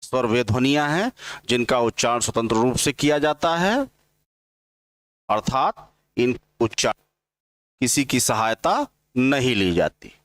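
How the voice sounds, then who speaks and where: A man teaching grammar in an exam-prep lecture, dictating slowly and repeating each line so students can write it down. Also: medium pitch, lively intonation, a bit bright, dry recording. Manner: slow dictating, repeating lines for notes; spells out vowel sounds one by one.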